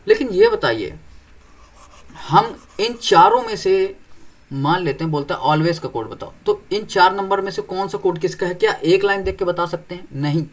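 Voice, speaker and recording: A man's voice: high voice, lively intonation, moderate pace. Young guy doing an exam prep reasoning class, explains step by step, keeps checking if you got it. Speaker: teacher.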